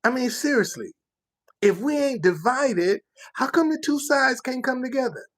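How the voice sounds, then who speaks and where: A man's voice: very high-pitched, expressive, normal speed, fairly bright tone. A man from the United States, ranting casually on a livestream in an emphatic, preachy way, repeating phrases for effect. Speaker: livestream commentator.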